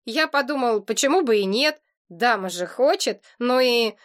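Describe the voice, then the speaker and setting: A woman's voice: fairly high pitch, lively intonation, moderate pace, lightly acted. A woman voicing a naive, cheerful young male demon who talks eagerly and sheepishly, in an audiobook reading.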